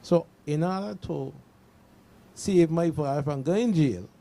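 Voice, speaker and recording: A mellow Caribbean man with a somewhat high, creaky voice talks unhurriedly on a panel, telling personal anecdotes in a casual way. He's an emphatic speaker who repeats himself and checks in to see that listeners are with him.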